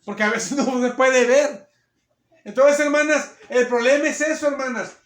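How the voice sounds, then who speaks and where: A man's voice: very high-pitched, fairly even intonation, moderate pace, fairly bright tone, echoey room. A man preaching a sermon in a church, repeating his points emphatically and often addressing the sisters. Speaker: pastor.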